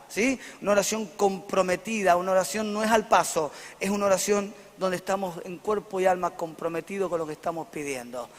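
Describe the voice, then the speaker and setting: A man pastor with an Argentine Rioplatense accent, preaching emphatically to a congregation in a church and checking in with them often. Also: high voice. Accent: Argentine Rioplatense Spanish. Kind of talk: sermon. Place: church hall before a congregation. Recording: echoey church hall.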